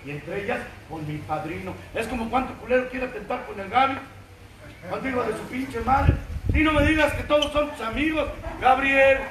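Crude, swearing high-voiced Mexican man. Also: moderate pace. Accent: Mexican Spanish. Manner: crude, mocking, swears constantly. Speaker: speaker sharing at a recovery group meeting. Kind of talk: profane testimony to a group. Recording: distant, roomy, noisy room recording.

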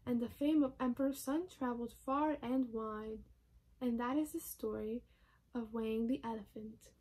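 A woman volunteer reading a children's story aloud in a gentle, expressive storytelling manner. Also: on the high side, normal speed, breathy edge.

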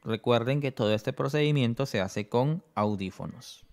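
Man, mid-pitched voice, patient step-by-step app tutorial, recorded on a phone. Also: vocal fry, a little mellow. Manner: explains slowly, often adds "¿no?". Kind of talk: step-by-step how-to explanation.

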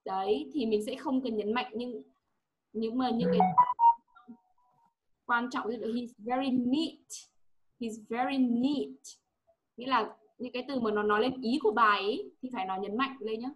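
A woman's voice: on the high side, fairly quick, a bit bright. A woman English teacher with a Vietnamese accent, coaching a pupil one-on-one and patiently repeating words for her to echo.

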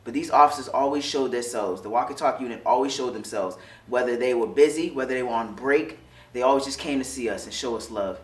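A man's voice: mid-range voice, a little fast. A young male police officer speaks from the heart, with loose phrasing and restarts, in a mid-range voice. He is picked up from a distance in a roomy studio, with music faintly underneath. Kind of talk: interview testimonial. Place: studio with curtain backdrop.

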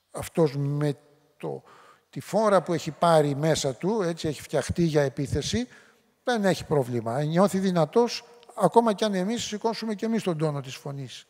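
A middle-aged man with a high voice gives a public lecture in a hall with a long reverb tail. He talks in a conversational way and slips into short quoted voices as examples. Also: animated, a little mellow. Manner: conversational, acts out quoted lines.

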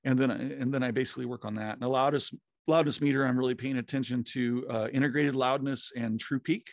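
A man in his fifties, speaking at a medium pitch with a steady tone and a quick pace, co-hosts a podcast from his home music studio. He rambles casually about audio tools, full of fillers and restarts. The dry audio comes from a studio mic with headphones over a video call.

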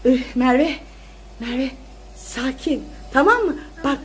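A young woman and mother hosting a family vlog at home, giving excited commentary on a children's game as she cheers and urges the kids on, often laughing and shouting. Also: high voice, takes it slowly, noisy background.

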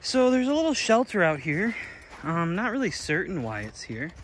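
A young man casually narrating an outdoor exploring vlog in snowy woods, talking in a relaxed, unsure way with plenty of fillers. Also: sits high, normal speed, slight background noise, low-quality recording. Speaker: vlogger.

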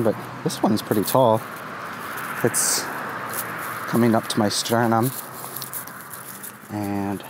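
A gardening vlogger in his thirties, with a fairly low-pitched voice, gives a laid-back tour of a sunny community garden, filming on a phone held at arm's length. He says "um" and "uh" a lot. The outdoor phone audio picks up passing traffic and general outdoor ambience.

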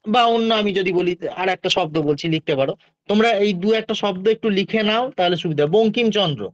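High-voiced patient male teacher. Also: brisk, no echo. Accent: Bengali. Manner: patient, explains step by step, takes student questions. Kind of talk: online exam-prep lesson. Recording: dull lo-fi dry sound.

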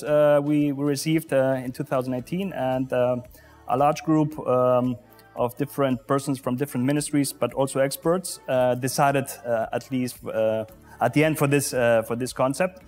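Man, 40s, pavilion official, halting interview answers, lapel mic, faint music bed. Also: mid-range voice, steady tone, darkish tone. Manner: halting, many filler sounds, non-native phrasing. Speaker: pavilion deputy commissioner general. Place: exhibition pavilion indoors.

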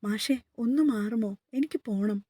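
A woman voicing a shy, timid young wife who speaks softly and pleads, in a story read aloud. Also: fairly high pitch, normal speed, no echo, natural voice. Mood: pleading. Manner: pleading, soft-spoken.

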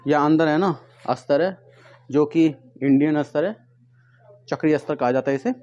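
A man casually pitching products to camera, often addressing viewers as friends and leaning on repeated verbal tics. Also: normal speed, darkish tone, highs cut off. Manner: repetitive filler phrases, addresses viewers as friends. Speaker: vlogger and shoe seller. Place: tiled room at home with stock boxes, indoors. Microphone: clip-on lapel mic. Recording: noticeable background noise, clicks.

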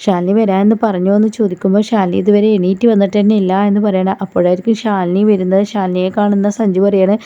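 Woman going through a tv serial plot scene by scene, very dark mellow voice, kinda dull lo-fi sound. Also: mid-range voice, level tone, quick pace, hardly any pauses. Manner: retells the plot step by step, quoting characters' lines in her own voice. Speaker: TV serial recap vlogger. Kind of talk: casual retelling of a TV serial episode. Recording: slightly dull lo-fi recording.

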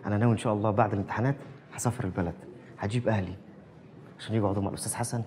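A man's voice: on the low side, steady tone, racing, darkish tone, natural voice. An actor playing an earnest young university student talking about his plans to marry. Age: young adult. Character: earnest young male student planning marriage. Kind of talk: Egyptian film acting.

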